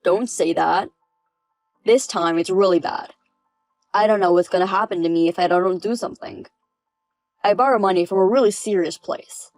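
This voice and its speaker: A woman's voice: lowish voice, moderate pace, long pauses, a little mellow, no echo, faint music behind, close to an everyday voice. A woman's synthetic voice reading the lines of an indebted grown son who begs his mother for help. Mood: pleading. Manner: pleading, apologetic. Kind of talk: text-message story reading.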